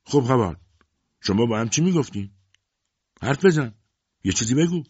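A man's voice: medium pitch, sing-song, slightly rough, no room sound, highs cut off, voice pushed up. A man voicing a scheming mother who pries and mocks her grown children, in a storybook reading. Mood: prying. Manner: taunting, prying, sharp. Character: scheming, mocking mother, middle-aged woman.

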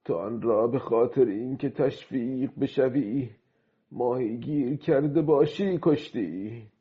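An actor playing a weary, brooding old fisherman in a radio drama, musing to himself in a husky voice. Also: medium pitch, dull audio, close to an everyday voice.

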